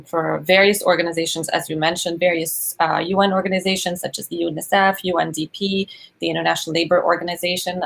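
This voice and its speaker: Low gravelly-voiced woman from Egypt. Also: fairly bright tone. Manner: thoughtful, searching for words. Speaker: guest, social entrepreneur. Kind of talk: podcast interview.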